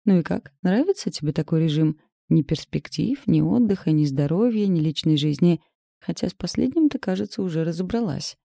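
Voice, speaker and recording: A woman's voice: lowish voice, animated, a little fast, vocal fry, dark tone, dry recording, studio quality. A woman playing a shrewd, teasing mother. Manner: wry, knowing, pushy.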